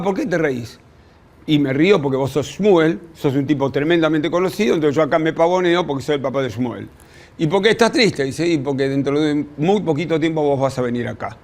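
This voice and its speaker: A man with a Rioplatense Spanish accent, a rabbi teaching a class, telling old stories in a lively way, with quick quoted voices and asides to his students. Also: a little high. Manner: addresses students directly with asides. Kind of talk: storytelling lecture.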